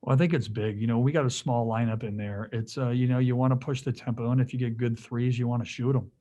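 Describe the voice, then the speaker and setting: Rambling basketball coach at a press conference. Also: male voice, mid-range voice, fairly even intonation, fast talker, mellow. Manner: rambling, frequent fillers and restarts, joking.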